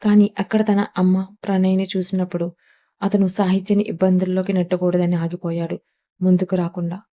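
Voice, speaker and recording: A woman storyteller reading a dramatic audio story in steady, even scripted narration. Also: on the low side, fairly quick.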